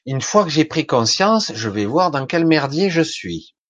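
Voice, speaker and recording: Man, informal self-development speaker, husky voice, animated pitch, blunt and colloquial, dry lo-fi recording. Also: unhurried, no room sound. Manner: colloquial and blunt, with mild swearing, acts out inner voices. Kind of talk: informal motivational talk addressed to the listener.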